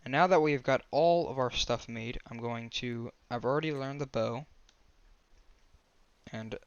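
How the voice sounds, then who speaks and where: A man's voice: medium pitch, unhurried, smooth, dry recording, lo-fi sound. Man rambling through a game tutorial. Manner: rambling, restarts and corrects himself. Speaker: gaming tutorial creator. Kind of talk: casual game tutorial voice-over.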